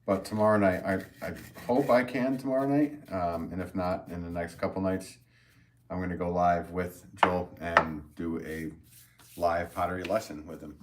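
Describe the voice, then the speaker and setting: An American man hosting a casual livestream as a potter, rambling and chatty as he works and reads out comments. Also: deep voice. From United States. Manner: rambling, chatty, talking to himself while working.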